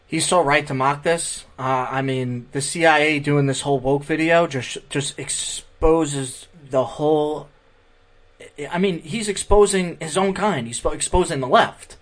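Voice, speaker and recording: A man's voice: fairly high pitch, unhurried. A man hosting a political commentary podcast. He rants heatedly and profanely, repeating his points. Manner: heated, profane, repetitive ranting. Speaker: podcast host. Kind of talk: political commentary over clips.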